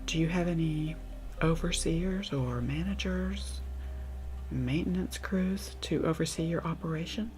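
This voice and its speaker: A woman's voice: low voice, measured pace, darkish tone, soft background music. A woman playing a sardonic scientist in an ASMR role-play, dry, questioning and challenging. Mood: skeptical. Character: skeptical, sardonic scientist, creator of an AI.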